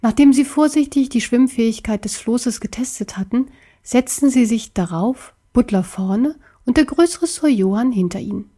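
A woman reading a children's story aloud in a calm, even storytelling manner, sometimes dropping to a soft whisper. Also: on the high side, moderate pace. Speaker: story narrator.

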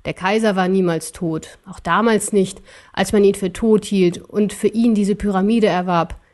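A woman's voice: medium pitch, fairly even intonation, a little mellow, close to an everyday voice. A woman reading a storybook aloud, voicing an ancient emperor who speaks through a cuddly cat with a hard, cold, mocking voice. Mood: scornful. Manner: slow, mocking, commanding.

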